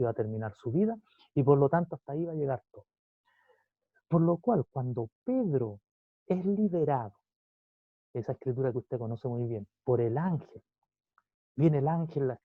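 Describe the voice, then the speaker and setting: A man's voice: mid-range voice, no echo, phone-quality sound. A man preaching a sermon in a conversational teaching manner, often adding asides to the listener.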